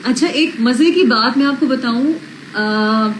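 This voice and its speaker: A woman's voice: on the high side, unhurried, noisy background. A young woman with a slight British accent, chatting casually on a livestream as a reality show contestant, frank and self-assured, dropping English phrases into her talk. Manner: mixes English phrases into speech.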